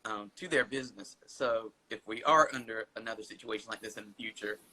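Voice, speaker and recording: Bright-voiced male interview host. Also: fairly low pitch, fairly quick, husky, low-quality recording. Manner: chatty, curious questioning. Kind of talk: online interview show.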